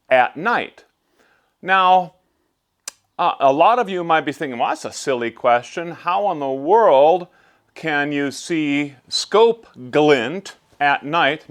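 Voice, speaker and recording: A man hosting an explanatory vlog, talking in a measured, conversational way. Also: a little high, fairly bright tone. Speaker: host explaining shooting gear tests.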